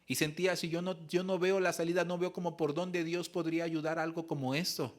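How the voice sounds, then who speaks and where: A male pastor delivers a sermon in a fairly high voice. He is earnest and personal. He sinks to quiet reflection and then presses points with a lifted voice. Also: flat delivery, fairly quick. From Mexico. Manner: earnest storytelling, swings from soft reflection to raised emphasis. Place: church service.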